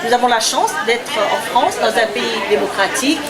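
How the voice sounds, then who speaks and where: Woman, activist spokesperson, halting delivery, slightly high voice, crowd behind. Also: animated, rough recording. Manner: hesitant, many fillers. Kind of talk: street interview. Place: outdoor street rally. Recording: outdoor crowd noise.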